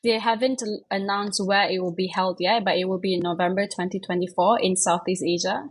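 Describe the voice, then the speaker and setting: Husky-voiced woman, chatty. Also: mid-range voice, fairly even intonation, brisk, low-quality recording. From Malaysia. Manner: chatty, many fillers and self-corrections. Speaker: guest, investment manager. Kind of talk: casual interview chat.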